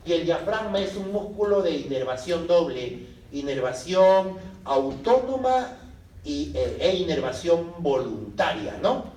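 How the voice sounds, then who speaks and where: Guy teaching a med class, kinda high voice, quizzing students, echoey and far from the mic. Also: moderate pace, slight background noise. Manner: lively, asks the class questions and answers them himself. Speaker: medical lecturer. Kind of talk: classroom lecture. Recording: echoey room from a distance.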